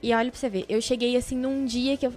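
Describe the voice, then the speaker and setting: Young adult woman, podcast guest; lively, heartfelt storyteller, slightly high pitch. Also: quick pace, faint music behind. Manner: animated, emotional storyteller who acts out quoted voices.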